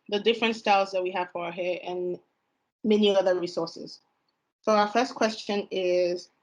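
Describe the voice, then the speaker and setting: A young woman in her twenties hosting a panel podcast, asking questions slowly and carefully. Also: mid-range voice, rough recording. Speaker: podcast host.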